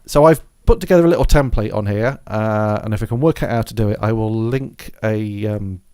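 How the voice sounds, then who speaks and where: A man's voice: on the low side, brisk, darkish tone, clean tone, no room sound, studio quality. A man presenting a music gear tutorial in a casual, rambling way, thinking aloud as he goes. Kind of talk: casual software and hardware walkthrough. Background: scratching noise from a dog in the background.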